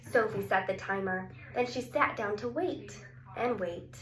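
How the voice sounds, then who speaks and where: This story reader for young children has a medium-pitched voice and reads a little slowly from a picture book. She draws words out and questions her listeners, recorded with roomy echo and some background noise.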